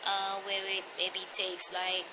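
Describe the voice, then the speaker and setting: Woman, mid-pitched, anxious and tired, hesitant confessional vlog delivery, clearly noisy amateur recording. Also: completely flat delivery, slow pace. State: tired from lack of sleep. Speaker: personal vlogger. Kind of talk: candid confessional vlog, talking to viewers.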